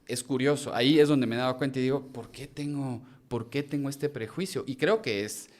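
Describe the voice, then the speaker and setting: A man's voice: mid-range voice, brisk. A man with a Guatemalan accent, an actor and acting teacher, talking reflectively in a casual podcast conversation with frequent hesitations. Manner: reflective, hesitant with many "eh" fillers.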